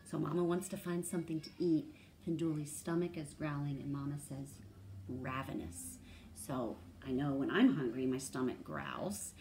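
In a small indoor room with a noisy background, a woman in her thirties or forties hosts a read-aloud, reading a storybook and explaining words. Her voice is low-pitched and her pace moderate.

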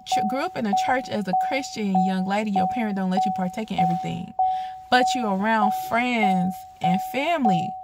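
A woman's voice: medium pitch, animated, a little fast, heavy background noise. Chatty young Chicago woman in her car. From Chicago, USA. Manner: chatty, laughs often, repeats herself. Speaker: vlogger. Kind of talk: casual chat to camera. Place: inside a car, then arriving home. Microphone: phone camera.

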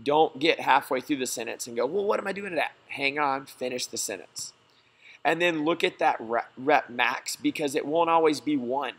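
A man coaches through a slideshow lesson, explaining things plainly and reassuringly. His voice has a husky, slightly breathy edge. His pitch sits in an ordinary middle range. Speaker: gym coach.

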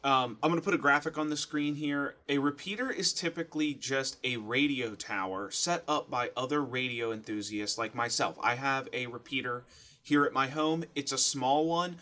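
Talking at normal speed in a medium-pitched, pushed and bright voice, this American-accented man in his thirties gives a plain-spoken, casual explanation to camera. He runs a how-to channel and is filming indoors in a small furnished room at home.

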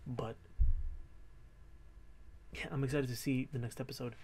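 A man in his thirties talking casually to camera in a quiet, low but clear voice, hesitantly thinking aloud as he goes. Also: steady tone, a little slow, a little hiss or hum. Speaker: host of a reaction and discussion video. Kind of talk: casual unscripted commentary to camera. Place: small bedroom in an apartment.

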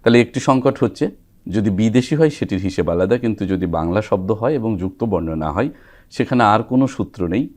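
Man, low voice, recitation trainer, didactic, pauses to sound out words, television studio. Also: lively intonation, a little mellow. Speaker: recitation trainer, guest expert. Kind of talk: explaining pronunciation rules on TV.

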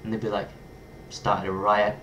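The recording has its highs cut off and slight background noise, capturing a lowish voice at normal speed. It's a young man from England with an English accent, playfully vlogging to his webcam in a small bedroom, lively and toying with foreign words.

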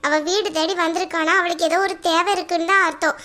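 A woman voicing an older mother-in-law in an animated family drama, speaking firmly and soothingly. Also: extremely high pitch, quick pace. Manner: firm, soothing.

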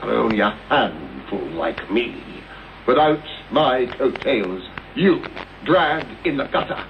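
An actor playing Sherlock Holmes in a radio play as an arrogant, brilliant British detective, pompous and precise. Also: male voice, mid-range voice, sing-song, measured pace. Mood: scornful. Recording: dull, hissy old radio tape recording.

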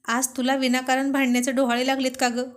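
Reading a storybook, a woman voices a playful, affectionate young husband who teases and coaxes his wife. Her voice sits high, with a level tone, a fast pace and light acting.

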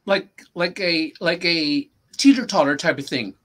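A man teaching a language in a casual lesson, patiently repeating phrases slowly for his learner. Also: on the high side, fairly bright tone.

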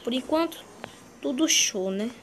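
A woman's voice: high-pitched, lively intonation, measured pace, slight background noise. A woman playing a young male green dinosaur on the run in a game, talking to himself in a chatty, slangy way. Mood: resting. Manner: chatty, slangy, talks to itself. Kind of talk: in-character game role-play.

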